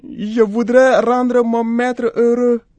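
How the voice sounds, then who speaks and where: A man voicing a gentle female goat turned young woman, in a high pleading voice. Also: level tone, takes it slowly, dry recording.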